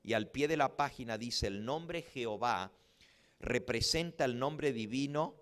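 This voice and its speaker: A man preaching a Bible study, reading scripture slowly and deliberately with rising emphasis. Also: mid-range voice, fairly bright tone, clean tone. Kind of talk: Bible teaching sermon.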